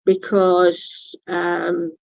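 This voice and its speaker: Slow-talking woman telling a story. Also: fairly low pitch, completely flat delivery, gravelly, no room sound. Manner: blunt, swears freely. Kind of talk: casual storytelling. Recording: dull lo-fi recording.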